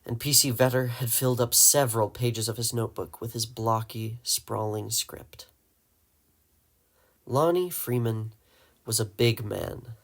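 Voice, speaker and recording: A man narrating a story aloud in a steady, measured way. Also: mid-range voice, gravelly. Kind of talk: audiobook reading.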